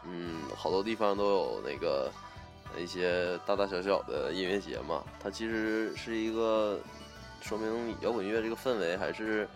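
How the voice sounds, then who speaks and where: Low-voiced man musing over music. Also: normal speed. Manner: thoughtful, hesitant, many fillers. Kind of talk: casual chat.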